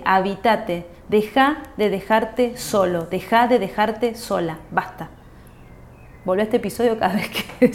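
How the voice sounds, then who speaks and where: A woman with a Rioplatense Spanish accent hosts a self-help podcast in a medium-pitched, somewhat dark voice. She sounds reflective, repeating phrases and posing rhetorical questions to herself.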